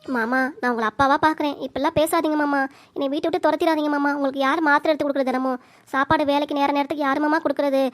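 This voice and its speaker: Brief: cartoon daughter-in-law, anxious, devoted, rapid pleading, woman voicing. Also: sits high, fairly even intonation, natural voice. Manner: rapid pleading, repeated appeals. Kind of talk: amateur cartoon voice acting.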